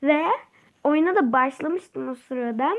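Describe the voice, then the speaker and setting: A woman hosting her own gaming channel, giving chatty, excitable let's-play commentary and crying out during the game. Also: high voice, a little slow, phone-quality sound.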